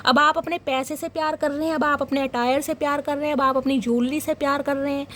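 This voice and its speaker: A young woman reading tarot cards for her viewers. She talks in a dramatic, animated way and keeps calling them guys. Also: sits high, fast, slight background noise. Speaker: tarot reader.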